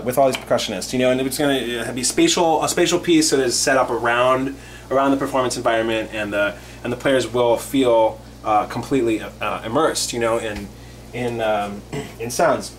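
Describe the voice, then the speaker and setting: A young composer with a medium-pitched voice and a moderate pace jokes his way through a casual home cooking show, rambling with mock earnestness and plenty of fillers. The setting is a small indoor home kitchen with a brick wall, with slight background noise.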